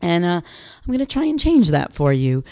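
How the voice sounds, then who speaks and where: A young woman with a low, gravelly voice hosts her own podcast, chatting in a loose, self-joking way. She talks into a headset mic, and the sound is close and dry with no room around it. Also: very animated, normal speed, dark tone, no echo. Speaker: podcast host and sex educator. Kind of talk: unscripted solo podcast chat. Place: home studio in a big US city.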